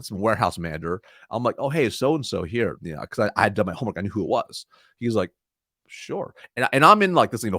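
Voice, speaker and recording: A man's voice: lowish voice, a bit bright, no echo, studio quality. A man in his thirties, a sales coach and podcast guest, telling a story animatedly, often laughing and acting out what people said.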